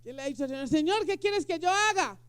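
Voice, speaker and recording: Lady pastor preaching, high voice, dry sound, punchy with lots of questions. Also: animated, fast talker, no echo. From Colombia. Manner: emphatic, rhetorical questions to the congregation. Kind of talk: sermon.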